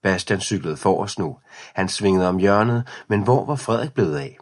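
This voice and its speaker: Male narrator for a children's audiobook, deep-voiced, a bit husky, steady delivery. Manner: even storytelling.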